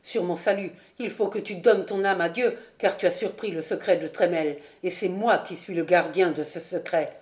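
A woman's voice: on the low side, moderate pace, hardly any pauses, a little mellow, lightly acted. A woman voicing a loyal, honest male squire in an audiobook, speaking earnestly and urgently. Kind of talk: audiobook character voice.

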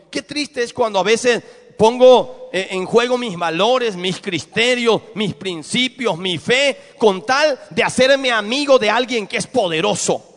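A man's voice: high-pitched, big-room sound. A man with a Mexican accent preaching a sermon as a pastor, asking his congregation rhetorical questions. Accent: Mexican Spanish. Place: church.

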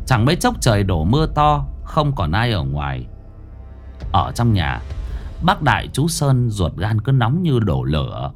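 A man narrating a ghost story in a dramatic, expressive reading. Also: mid-range voice. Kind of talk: scripted horror narration.

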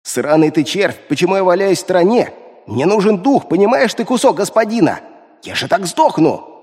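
A man's voice: high voice, sing-song, moderate pace, a little mellow, husky, in a large hall, voice pushed up, exaggerated voice. A man voicing a greedy, foul-mouthed male imp spirit that whines and demands in a storybook reading. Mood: furious whining. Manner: whiny, cursing, demanding.

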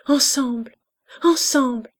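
A woman reading an audiobook voices a feverish, frightened little girl who pleads breathlessly and sometimes cries, in a high, strained voice. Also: takes it slowly, gravelly, a little mellow. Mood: terrified pleading.

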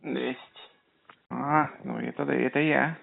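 A man's voice: mid-range voice, steady tone, measured pace, creaky. A man talking casually on a phone call in a blunt, coarse, slangy way. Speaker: call recipient.

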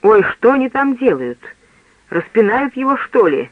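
A man's voice: high-pitched, moderate pace, dry recording. A man voicing a frightened, timid man who whines and whispers anxiously in an audiobook. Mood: whining. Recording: tinny phone-like dry sound.

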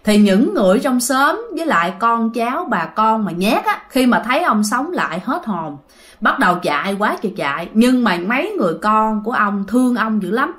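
A woman's voice: on the high side, very animated, normal speed, a bit bright. Chatty woman telling ghost stories. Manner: chatty, addresses listeners directly. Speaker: storyteller. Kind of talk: ghost story narration.

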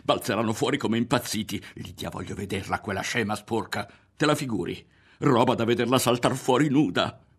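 A man's voice: medium pitch, brisk, pitched above the performer's own voice, close to an everyday voice. A man reading an audiobook voices a scheming teenage boy who presses his friend with urgent questions. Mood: gloating.

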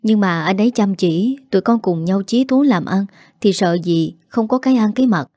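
A woman voicing a devoted young village woman in a spoken story, close to her own mellow voice. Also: mid-range voice, moderate pace, no room sound, close to an everyday voice. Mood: pleading.

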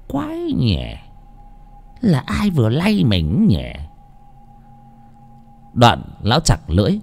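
Slow, expressive male storyteller. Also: medium pitch. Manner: unhurried, dramatic, expressive storytelling. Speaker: audiobook narrator. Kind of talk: scripted story narration.

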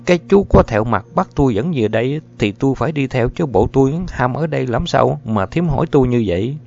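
A cool, unbothered young village girl, as a male storyteller puts her on, answering back in a quick, glib voice. The recording is dull and lo-fi. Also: medium pitch, expressive, vocal fry, darkish tone, pitched above the performer's own voice. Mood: cheeky.

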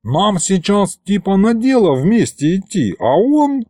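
A man's voice: high-pitched, wildly swooping pitch, unhurried, warm tone, slightly rough, dry recording, clean studio sound, voice pushed up, full character voice. A man voicing a swaggering, pig-like male imp who talks in a street-slang drawl. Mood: indignant.

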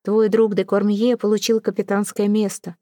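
A woman's voice: medium pitch, flat delivery, warm tone, no echo, clean studio sound, close to an everyday voice. Woman reading as a cold aristocrat officer. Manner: cold, measured, clipped. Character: cool, reserved young male aristocrat officer. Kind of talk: audiobook character reading.

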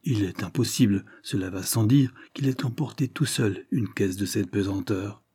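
A man's voice: lowish voice, normal speed, mellow, slightly rough, no echo, clean studio sound. A man voicing a worried, deferential butler who apologizes and protests earnestly. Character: anxious middle-aged male butler, deferential.

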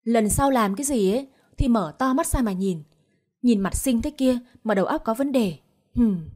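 Woman doing a shrill, furious young girlfriend. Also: lively intonation, a little fast, darkish tone. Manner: shrill, insulting tirade.

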